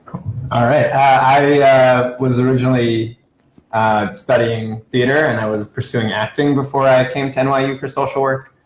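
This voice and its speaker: A man on a student panel, answering in a relaxed, reflective way. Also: medium pitch, moderate pace. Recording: echoey room.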